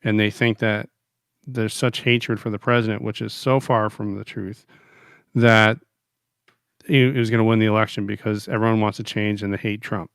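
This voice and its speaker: A man's voice: lowish voice, flat delivery, moderate pace, vocal fry, fairly bright tone, smooth, dry recording, clean studio sound. A middle-aged man co-hosting a political chat podcast, rambling and restarting his sentences as he goes. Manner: rambling, restarts often, chuckles. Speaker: podcast co-host.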